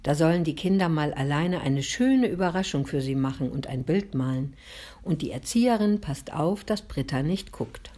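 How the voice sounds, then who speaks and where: A woman reading a children's storybook aloud in a calm, gently expressive way. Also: low-pitched, normal speed. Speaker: narrator.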